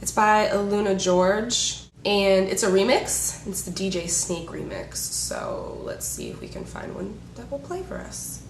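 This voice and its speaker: A woman's voice: medium pitch, big pitch swings, a little slow, reverberant, heavy background noise. A woman in her twenties chatting casually to camera, joking and laughing often. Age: 20s. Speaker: beauty vlogger. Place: indoors, a room in Los Angeles.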